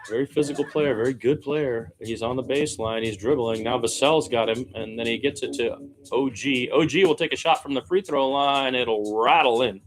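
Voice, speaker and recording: Over soft background music, a man with a mid-range voice speaks at normal speed, giving conversational live radio play-by-play of a basketball game punctuated with opinionated asides.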